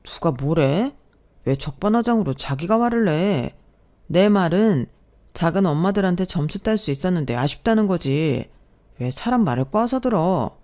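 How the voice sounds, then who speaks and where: A woman's voice: fairly low pitch, lively intonation, normal speed, dark tone, close to an everyday voice. A woman voicing a defensive young boyfriend. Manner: defensive, pleading. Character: boyfriend, young man, sulky then placating.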